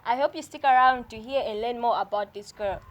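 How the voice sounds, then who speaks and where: A woman's voice: fairly high pitch, fairly quick. A woman, interviewing a guest in an encouraging way with short affirmations. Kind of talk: casual interview conversation.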